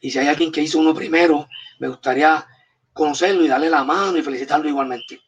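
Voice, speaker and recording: A husky-voiced man with a Puerto Rican accent talks about comics in a relaxed interview, rattling off emphatic advice in short bursts. He sits back from the microphone, so his voice comes through a little far off and muffled. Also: a little high, fast talker. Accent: Puerto Rican Spanish. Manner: emphatic, gives punchy advice in short commands. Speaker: comics artist guest. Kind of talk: casual interview storytelling. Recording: distant, dull, muffled mic.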